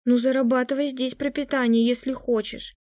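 A woman reading aloud puts on a bewildered middle-aged mother who pleads plaintively, close to tears. Her voice rises well above the reader's own and stays mellow. The sound is dry and close. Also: high-pitched, flat delivery, a little fast, dry recording, voice pushed up, natural voice. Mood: pleading. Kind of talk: audiobook reading.

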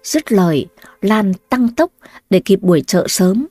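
Mellow woman narrating a story. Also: mid-range voice, unhurried, dry recording, soft background music. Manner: even, storybook telling.

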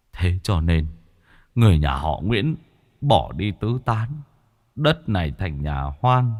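A man narrating a ghost story in a lively, dramatic way. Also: low voice, no echo, studio quality.

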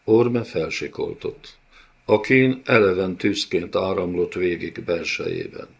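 A man reads a fantasy novel aloud in a steady, measured narration. His voice sits very low, and the recording sounds dull and lo-fi. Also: gravelly, husky. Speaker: audiobook narrator.

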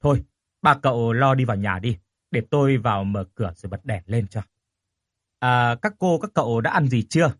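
A man doing a gruff, husky old village man. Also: mid-range voice, expressive, brisk, fairly bright tone, dry recording, studio quality. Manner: blunt, questioning, stammers when shaken.

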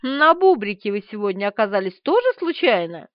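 A woman's voice: sits high, sing-song, a little slow, no echo. A woman voicing a brusque, sarcastic middle-aged man in an audiobook. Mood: sneering. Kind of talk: audiobook character voice. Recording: slightly dull, dry.

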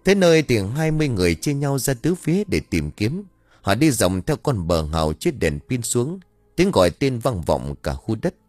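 A man narrating a story from a script, telling it in an expressive way. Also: mid-range voice, moderate pace, no room sound, soft background music. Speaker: audiobook narrator.

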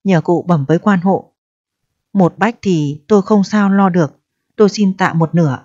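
Brief: grieving country father begging a mandarin, read by a woman, soft and humble, dry muffled recording. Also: fairly low pitch, moderate pace, no echo, natural voice. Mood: pleading. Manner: humble, pleading. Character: anxious grieving older village father.

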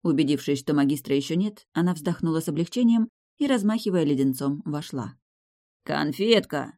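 Here a woman serves as audiobook narrator for a first-person fantasy novel, her voice sitting low. She moves at a fairly quick clip while keeping a steady, wry storytelling style.

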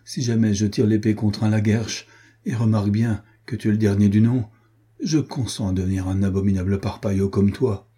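A man's voice: fairly low pitch, fairly even intonation, moderate pace, warm tone, husky. A man voicing a distraught young nobleman. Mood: vehement. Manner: anguished, pleading, explosive.

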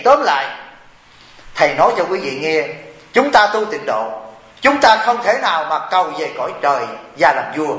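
A man's voice: sits high, fairly bright tone, reverberant. A man, a Buddhist monk and abbot giving a humorous dharma talk to lay followers and often asking them "right?".

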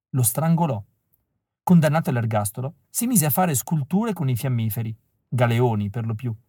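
A man reading a first-person novel aloud as an audiobook, telling it in a wry, expressive way that keeps dropping to a flat, quiet tone. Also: medium pitch, breathy edge, no echo. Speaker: audiobook reader. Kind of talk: first-person literary narration.

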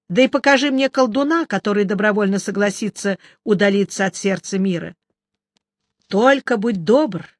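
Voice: medium pitch, gravelly, no room sound, voice pushed up. Sardonic grumbling old wizard as a reader puts him on, audiobook voice, dry close sound. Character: grumpy sarcastic old male wizard. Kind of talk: audiobook character reading.

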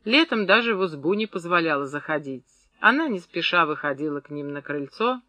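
Male audiobook reader, high and bright, dry close sound, measured literary reading. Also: no room sound. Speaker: audiobook narrator. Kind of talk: scripted narration.

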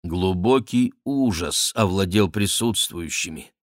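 Slow, lively man reading a novel. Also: deep voice, no room sound, clean studio sound. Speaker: audiobook reader. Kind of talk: expressive audiobook narration.

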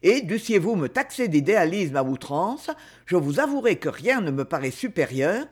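A man reading aloud and voicing a proud young duke who speaks with calm, dry irony, in a lively, varied voice. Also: high voice, slightly rough, heavily acted. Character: proud ironic young duke, aloof and grave.

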